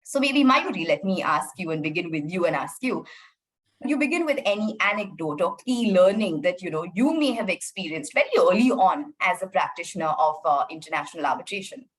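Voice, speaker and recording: Polite lower-voiced woman moderator. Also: expressive, poor audio. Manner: polite, measured, with "um" fillers. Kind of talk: online panel moderation. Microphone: video call.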